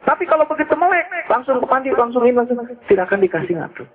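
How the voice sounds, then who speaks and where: A man's voice: extremely high pitch, expressive, very fast, crowd noise. A man preaching in a casual, storytelling way, joking and asking his listeners rhetorical questions. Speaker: Islamic preacher. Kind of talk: casual religious teaching talk. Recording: tinny lo-fi phone-like recording.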